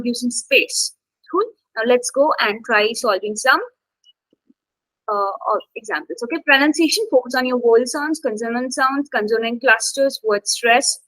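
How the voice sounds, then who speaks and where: A woman with a high, bright voice leads a live online English lesson. She keeps asking "okay?" and urges her students to answer. The sound is dry and close on a computer mic. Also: dry recording, rough recording. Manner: checks in constantly with "okay?" and coaxes students to speak. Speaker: English exam instructor. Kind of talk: live online class teaching.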